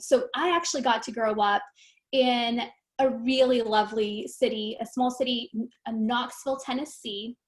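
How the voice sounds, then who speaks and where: A high-voiced woman in her thirties, from Romania, talks as a guest on a live stream. She tells her story candidly and casually, with plenty of fillers. Her voice comes over a video call. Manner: candid, chatty with frequent fillers. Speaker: guest team leader.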